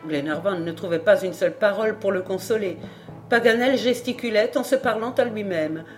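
A woman narrating a classic adventure novel in a measured, even audiobook reading. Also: mid-range voice, faint music behind. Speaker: audiobook reader.

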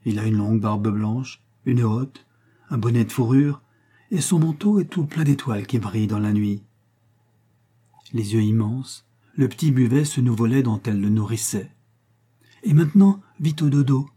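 A man reading a literary tale aloud in a measured, expressive storytelling manner. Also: on the low side, husky. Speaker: reader. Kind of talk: scripted narration of a literary tale.

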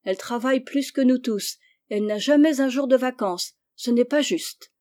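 A woman reading the lines of a polite, caring little girl in a storybook, with earnest, softly eager questions. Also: high-pitched, moderate pace, no room sound, studio quality, pitched above the performer's own voice, lightly acted. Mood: indignant.

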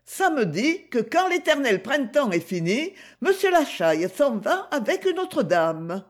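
A woman reading a story aloud and voicing a fifteen-year-old girl, speaking softly and plaintively with some hesitation. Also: high-pitched, big pitch swings, unhurried, voice pushed up, exaggerated voice. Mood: earnest.

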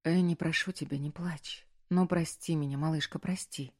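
A woman reading an audiobook, voicing a tender grown man who speaks softly and coaxingly to his lover. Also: sits low, fairly even intonation, normal speed. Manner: soft, coaxing.

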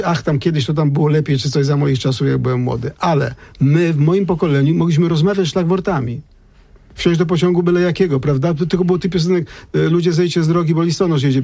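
A man's voice: a little high, warm tone, no room sound. A man, a lyricist and translator, talking thoughtfully on a radio show, often restarting his sentences. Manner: thoughtful, digressive, many restarts. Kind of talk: radio conversation.

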